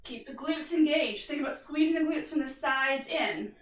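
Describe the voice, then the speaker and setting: A woman fitness instructor giving steady, upbeat coaching cues through a guided workout. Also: high voice, normal speed. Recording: echoey room, mic from far off.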